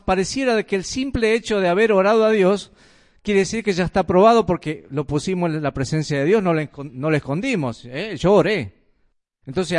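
In a high-pitched voice, a man with a Rioplatense Spanish accent delivers a sermon conversationally, posing rhetorical questions to his listeners.

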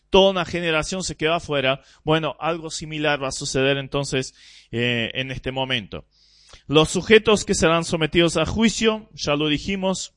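A man preaching an expository sermon, teaching in a measured way with pauses and restarts. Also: on the high side, fairly bright tone, no room sound, studio quality.

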